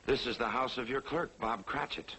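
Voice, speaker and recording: An actor playing a solemn ghostly spirit guide in a 1940s television drama, speaking in a measured, declamatory way. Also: male voice, medium pitch, breathy edge. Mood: solemn, showing. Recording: old 1940s TV soundtrack, loud music.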